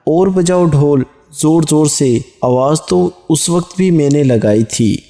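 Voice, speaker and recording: A man voicing a male guardian angel, speaking slowly and drawing out his words. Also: a little high, warm tone, in a large hall, natural voice. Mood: wry.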